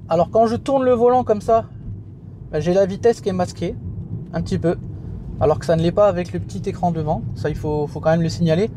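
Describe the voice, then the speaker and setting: A man's voice: sits high, warm tone, a little hiss or hum. A man hosting a casual product review vlog from inside his car, chatty and full of fillers. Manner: chatty, many fillers and "hein". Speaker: car video host.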